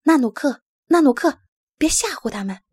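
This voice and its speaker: A woman voicing a kind, steady young male polar bear cub in a storybook reading, gentle and reassuring. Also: a little high, normal speed, slightly rough, no echo, clean studio sound.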